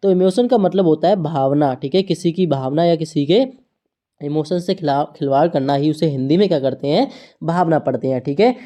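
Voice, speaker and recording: A woman runs an online English lesson, her voice mellow and low-set. She spells each word out letter by letter and keeps checking in with the students. Her pace is slow and repetitive, the way a patient teacher drills beginners.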